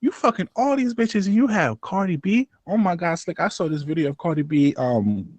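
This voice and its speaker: A man co-hosting a casual podcast, talking in animated bursts that swing between loud outbursts and low mumbles. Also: fairly quick, no room sound, muffled recording. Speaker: podcast co-host.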